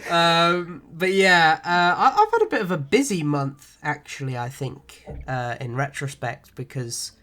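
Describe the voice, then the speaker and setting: A man's voice: a little high, big pitch swings, measured pace, few pauses, bright, forceful tone. A young man with a nasal, congested voice from a cold, co-hosting a podcast in casual, laid-back chat with some swearing. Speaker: podcast co-host.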